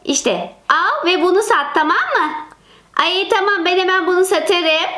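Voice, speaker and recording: A woman voicing children in a mobile game role-play with a lively, childlike manner. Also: very high voice, unhurried, echoey room.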